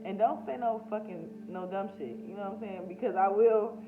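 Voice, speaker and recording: A woman who hosts a YouTube channel as a spiritual healer talks off the cuff in a casual personal vlog, candid, emotional, slangy and full of swearing. She is American, with a medium-pitched voice at a normal speed. The sound is phone-like, with faint music in the background.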